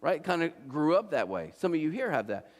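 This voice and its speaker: A forties-aged Ohio pastor delivers a conversational sermon briskly, his fairly high voice swinging widely in pitch. He repeats himself, restarts, and keeps asking the crowd "right?", all echoing through the long reverb of a big church hall.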